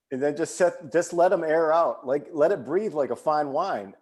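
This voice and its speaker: A man's voice: fairly high pitch, unhurried, a little mellow, breathy edge. A man co-hosting a casual podcast, talking with rambling enthusiasm. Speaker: podcast co-host. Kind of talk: casual chat.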